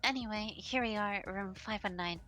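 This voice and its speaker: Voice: mid-range voice, normal speed, sharp tone, soft background music, lightly acted, poor audio. A woman voicing a formal, courteous hotel clerk with an unsettling edge in a live game read. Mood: polite. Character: polite, creepy hotel clerk.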